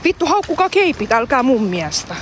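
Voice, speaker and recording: A woman's voice: sits high, big pitch swings, noisy background. A woman live-streaming, talking to her chat in a heated, profane way and arguing back at them. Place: outdoors in a public place.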